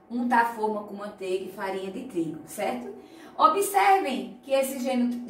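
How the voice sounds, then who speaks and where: Woman teacher, higher voice, very slow careful delivery, echoey room heard from a distance. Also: a little hiss or hum. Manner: slow, deliberate, drawn-out syllables, frequent tag questions. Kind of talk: online lesson for young children. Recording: echoey room, voice away from the mic.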